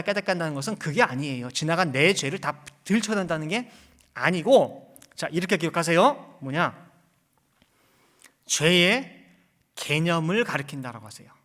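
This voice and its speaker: A male pastor preaching a sermon, putting questions to his congregation and swinging between soft asides and loud emphasis. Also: on the high side. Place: church sanctuary.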